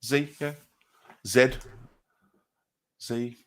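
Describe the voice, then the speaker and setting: A man's voice: medium pitch, steady tone, extremely slow, fairly bright tone. A man with an Australian accent co-hosting a live stream, laid-back and joking, often trailing off mid-thought. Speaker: stream co-host. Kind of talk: casual live-stream chat.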